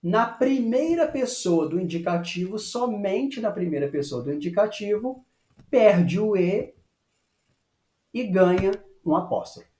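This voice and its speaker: A man teaching a French lesson, patiently checking with "ok?" and slowing down to model phrases. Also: high-pitched, animated, dark tone. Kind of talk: online language lesson. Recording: echoey room.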